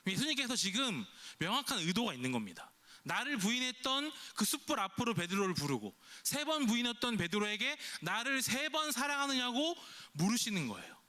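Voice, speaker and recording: A male pastor preaches a chatty youth service sermon, constantly questioning the congregation and acting out imagined lines in a quoted, in-character voice. His voice is high with a sharp tone.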